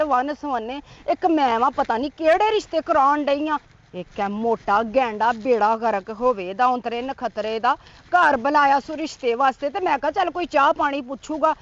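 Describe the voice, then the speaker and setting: A woman playing a shrill scolding village matchmaker. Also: muffled recording, lightly acted. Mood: grumbling. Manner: scolding, curse-laden ranting. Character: scolding middle-aged female village matchmaker. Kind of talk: comedy skit acting.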